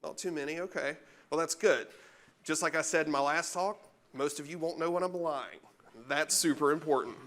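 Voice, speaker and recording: A man's voice: a little high, moderate pace, fairly bright tone. A man giving a casual, self-deprecating talk at a tech meetup, chewing gum to keep from coughing through his allergies. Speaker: guest speaker. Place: meetup room with a live audience.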